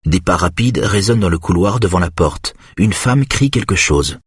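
Husky low-voiced male narrator. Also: dry recording, studio quality. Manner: steady, measured storytelling. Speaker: audiobook narrator. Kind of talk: scripted narration.

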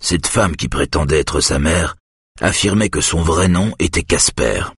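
A weary older father with a very deep, husky voice, speaking slowly and gently, as an audiobook narrator voices him. The sound is close and completely dry. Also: no room sound, exaggerated voice. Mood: grave. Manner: soft, tired, measured.

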